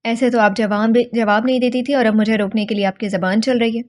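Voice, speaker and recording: A woman's voice: fairly high pitch, steady tone, natural voice. A woman voicing a stubborn, frightened young woman held captive, pleading and defiant by turns. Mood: complaining.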